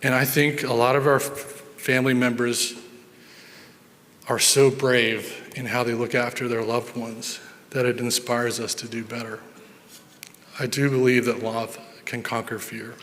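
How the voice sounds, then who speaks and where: A man's voice: mid-range voice, flat delivery, measured pace, a bit bright. Earnest man speaking in a reverberant hall. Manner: earnest, repeats words while thinking. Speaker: neurologist giving a conference talk. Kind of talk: storytelling conference presentation. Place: large conference hall.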